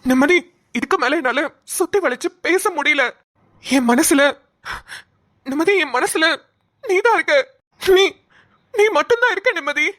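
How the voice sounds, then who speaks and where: A woman's voice: sits high, fairly bright tone. A woman voicing a young man, a shy childhood friend who hesitantly confesses his love. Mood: earnest. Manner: hesitant, halting speech.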